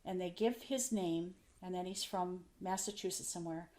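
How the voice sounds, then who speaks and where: A woman's voice: lowish voice, fairly even intonation, moderate pace, a little mellow. An older woman, a podcast guest, telling a personal story in an earnest, heartfelt way, in short phrases with retold dialogue. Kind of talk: personal storytelling in a casual interview.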